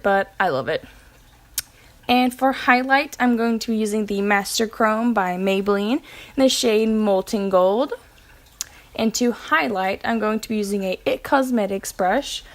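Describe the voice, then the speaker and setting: A young woman narrating a makeup tutorial in a casual, chatty way, with filler words and self-corrections, while she has the hiccups. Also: a little high. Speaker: beauty vlogger.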